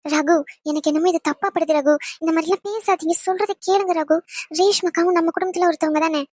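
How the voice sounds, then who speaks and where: A woman's voice: very high voice, steady tone, a little fast, darkish tone, no echo. A woman voicing an upset young wife in a cartoon who pleads with her husband. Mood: pleading. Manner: pleading, agitated. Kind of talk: cartoon voice acting.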